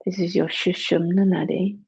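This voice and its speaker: Meditation guide: mid-pitched, heavily creaky and breathy, hushed delivery, slightly muffled recording. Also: level tone. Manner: hushed, unhurried instruction with long pauses.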